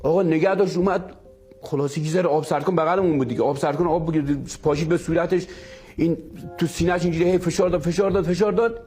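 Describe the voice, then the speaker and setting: Male storyteller, higher register, emphatic and repetitive, soft music bed. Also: steady tone. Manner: emphatic, repeats phrases. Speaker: storyteller guest. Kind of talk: animated storytelling.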